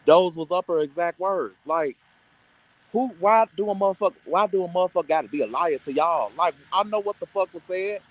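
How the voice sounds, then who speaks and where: A man's voice: fairly high pitch, a little fast, hardly any pauses, rough recording. A content creator, a man, delivering a heated, insulting, mocking rant to his online audience.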